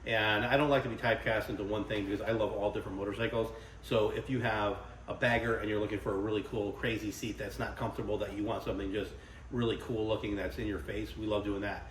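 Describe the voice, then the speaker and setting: A man, a little hoarse from illness, rambling casually about his custom motorcycle seat work. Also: lowish voice, level tone, quick pace, slight background noise. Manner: rambling, conversational, lots of fillers. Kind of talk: casual workshop vlog talk.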